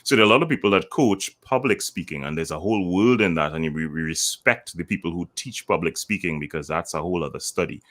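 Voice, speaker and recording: A man who works as a voice coach, explaining his methods as an interview guest in a measured way and demonstrating lines with deliberate intonation. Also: deep voice, animated, a bit bright. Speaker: voice communication coach.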